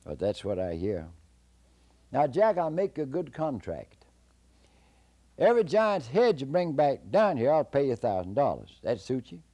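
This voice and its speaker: Man putting on a big hearty mountain king, folksy drawl, raised pitch, mellow tone, storybook. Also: wildly swooping pitch, normal speed. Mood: confiding.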